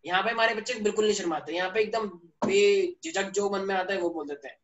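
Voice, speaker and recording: A man's voice: high-pitched, fast, muffled recording, background noise. Male online-class teacher, jokey storyteller who teases pupils; roomy echo, distant mic. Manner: playful, teasing, storytelling with students. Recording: echoey room, voice from a distance.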